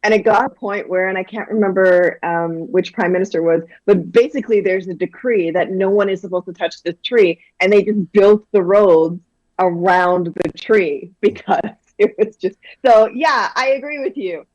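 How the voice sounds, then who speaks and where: A woman with a medium-pitched, darkish voice speaks at normal speed in a dry, lo-fi recording. She's a Guyanese author of children's books, a guest in an easygoing interview, chatting animatedly with lots of fillers and false starts.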